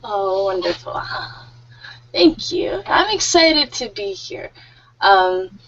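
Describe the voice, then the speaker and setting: A woman's voice: medium pitch, very animated, takes it slowly, a bit bright. A woman in her thirties teaching an online English group class, friendly and a little nervous, laughing often. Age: 30s. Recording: muffled lo-fi audio.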